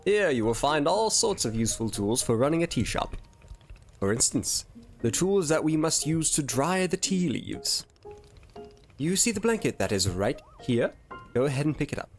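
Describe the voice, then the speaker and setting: A man's voice: a little high, sing-song, normal speed, soft background music. A man voicing a posh, polite male tea shop keeper, reading game dialogue aloud with formal phrasing. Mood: instructive.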